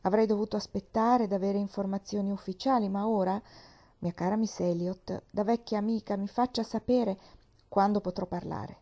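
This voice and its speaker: A woman reading the part of Mrs Smith, a shrewd, knowing widow who speaks in a confiding, gently teasing way. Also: medium pitch, fairly even intonation, moderate pace, muffled recording, lightly acted.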